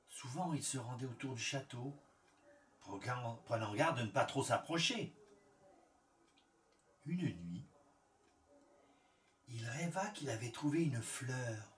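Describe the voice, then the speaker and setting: A man reading a fairy tale aloud in a calm, measured storytelling manner. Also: medium pitch, slight background noise. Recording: echoey room, far from the mic.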